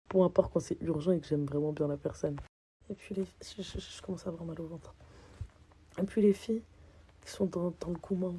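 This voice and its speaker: Blunt young woman with a deep voice. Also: dark tone, slight background noise. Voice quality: low, deep voice. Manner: blunt, ranting, slangy, addresses "les filles"; often drops to a whisper. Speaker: vlogger. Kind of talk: casual chat to camera.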